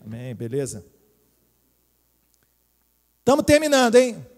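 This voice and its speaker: High-voiced Brazilian pastor preaching in a hall. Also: male voice, slow pace. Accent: Brazilian Portuguese. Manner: lively, jokey preaching with direct appeals to the congregation. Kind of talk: sermon. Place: church hall.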